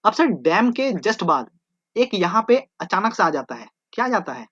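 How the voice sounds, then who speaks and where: A man's voice: high voice, sing-song, normal speed, fairly bright tone, no room sound. Man chanting terms in a dull dry lecture. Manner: repeats terms in chanted drills, jokey asides. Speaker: teacher. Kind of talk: online exam-prep lecture.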